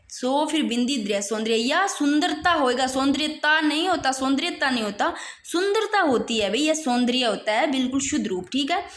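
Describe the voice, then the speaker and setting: A woman with a high, bright voice teaches an exam-prep spelling lesson, repeating each word slowly and patiently. Her voice rings in a roomy, echoey space. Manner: explains patiently, repeats words slowly, addresses students as brother. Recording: echoey room.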